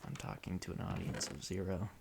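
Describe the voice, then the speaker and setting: A man casually rambling in an offhand, deadpan way while he plays a video game, often restarting his sentences. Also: low voice, a little fast, vocal fry, noisy background. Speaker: solo podcaster playing a video game.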